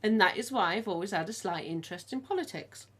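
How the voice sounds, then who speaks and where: A middle-aged woman with an English Midlands accent talks in a loose, casual podcast chat. Her pitch swings up and down animatedly as she tells stories. She laughs often along the way. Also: animated, fast talker, husky. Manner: chatty storyteller, laughs often. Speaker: podcast co-host.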